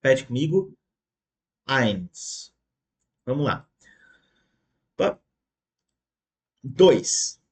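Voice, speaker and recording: A man teaching a German lesson online, slowly and patiently repeating words for the learner and checking in often. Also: medium pitch, very animated. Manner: ends phrases with checking tags.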